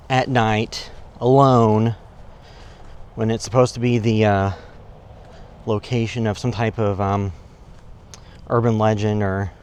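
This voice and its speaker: A man's voice: fairly low pitch, clear, resonant tone. A man acting as a casual, skeptical amateur creature hunter in a found-footage horror film, muttering hesitantly to his camera. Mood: hushed narration. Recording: noisy location sound.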